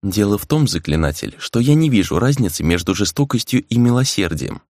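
A man's voice: mid-range voice, animated, moderate pace, darkish tone, no room sound, clean studio sound, close to an everyday voice. A man voicing an ancient spirit that speaks through a girl, cool, indifferent and musing. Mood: detached.

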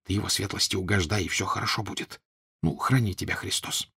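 A meek, fawning retired officer and father in a storybook reading, played by a man. He speaks low and anxiously, often dropping to a hush. The recording is close and dry. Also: fairly even intonation, gravelly, breathy edge, no room sound, full character voice. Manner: meek, hurried and bowing.

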